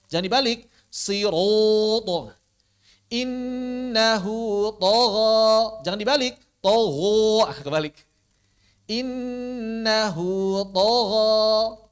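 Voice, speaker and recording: A Quran recitation teacher giving an online tajwid lesson, asking rhetorical questions, answering them, and slowly sounding out Arabic letters as examples. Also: mid-range voice. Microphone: online class recording.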